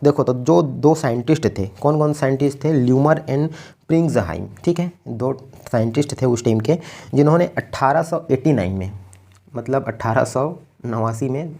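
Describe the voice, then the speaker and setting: A man from India giving a patient physics lecture, explaining each step slowly and often checking in with his students. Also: medium pitch, gravelly, warm tone. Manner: keeps checking in with "ठीक है". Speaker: physics teacher. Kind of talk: blackboard lecture.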